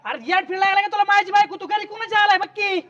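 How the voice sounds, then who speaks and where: A man acting a hot-tempered husband, firing off fast rebukes. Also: very high-pitched, fairly bright tone. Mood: angry. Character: angry real husband, male, young adult, hot-tempered. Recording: dull lo-fi with faint noise.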